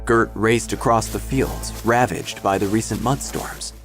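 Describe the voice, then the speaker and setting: Over background music, a man with a voice on the low side narrates a scripted first-person story as an obituary writer character. His delivery is theatrical and wry, with deliberate dramatic phrasing and pauses, at times dropping to hushed tones.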